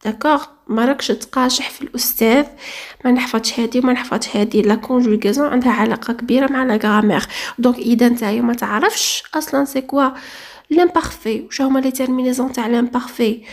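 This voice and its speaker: A woman's voice: on the high side, fast. A woman with an Algerian Arabic accent teaching a French grammar lesson. She switches between French terms and dialect Arabic, and coaxes and addresses her students directly.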